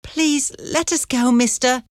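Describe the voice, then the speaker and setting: A woman's voice: high voice, steady tone, slow pace, no room sound, clean studio sound, voice pushed up. A woman reading a storybook voices a poor young girl who begs and protects her little brother. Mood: pleading. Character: desperate poor girl, protective older sister.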